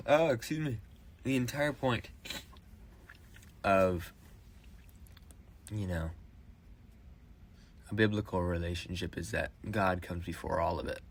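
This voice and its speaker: Young man, late teens, deep low voice, halting rambling monologue, phone voice memo. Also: breathy edge. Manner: halting, with restarts and fillers. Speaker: vlogger.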